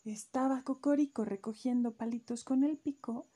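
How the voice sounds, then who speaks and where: Breathy, high-voiced woman telling a children's story. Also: moderate pace. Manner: animated, with sound effects.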